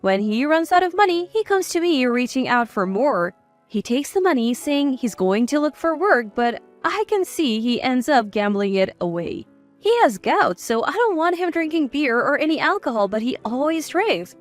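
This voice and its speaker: A woman in her sixties telling a first-person story in a measured, confiding way. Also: high voice, big pitch swings, soft background music. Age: 60s. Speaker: narrator.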